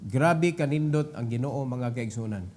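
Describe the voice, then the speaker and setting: A man's voice: medium pitch, a little slow, a little mellow, slight background noise. A man with a Cebuano accent preaching a prayer-meeting sermon, switching into English and building to raised, emphatic stretches.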